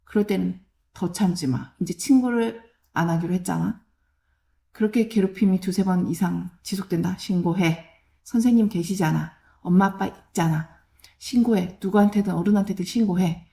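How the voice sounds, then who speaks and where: A woman's voice: lowish voice, moderate pace, vocal fry, warm tone. A woman giving direct advice to children and parents, firm and caring, speaking in short plain commands.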